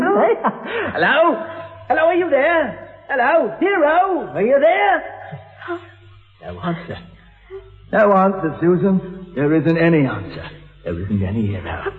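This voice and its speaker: An actor playing an unhinged young male killer who taunts his captive, mocking and swinging between menace and giggles. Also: a little high. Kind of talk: radio-drama acting. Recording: tinny old radio recording in echoey hall.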